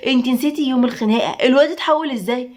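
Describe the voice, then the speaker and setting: A woman's voice: high-pitched, rapid-fire, a little mellow, natural voice. A woman reading the part of a wounded but wry young married Egyptian woman in a spoken story, with an Egyptian accent. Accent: Egyptian Arabic.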